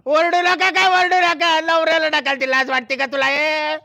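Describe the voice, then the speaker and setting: A woman's voice: sits high, flat delivery, moderate pace, creaky, sharp tone, full character voice. A woman acting a stubborn drunk village husband, slurring and groaning as he insists. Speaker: comic actor.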